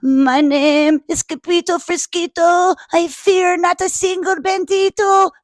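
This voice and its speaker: A woman's voice: extremely high pitch, fairly even intonation, slow pace, no echo, clean studio sound, voice pushed up. A woman voicing a boastful little Siamese kitten who pretends to be a Chihuahua sword fighter, making proud, theatrical declarations.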